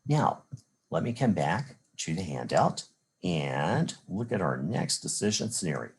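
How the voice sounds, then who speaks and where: A low, sing-song male voice, a bit slow and slightly rough, delivers a recorded college lecture. The instructor, from the Chicago area of the United States, has an American accent and walks through examples methodically, step by step, leaning on rhetorical "well" and "again."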